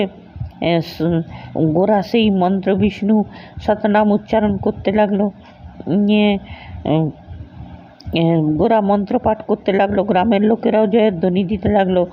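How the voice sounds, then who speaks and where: A woman casually retelling the plot of a TV serial, loose and hesitant, with many filler sounds. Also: medium pitch. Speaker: storyteller recapping a TV serial. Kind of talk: casual spoken story recap. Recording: dull lo-fi recording.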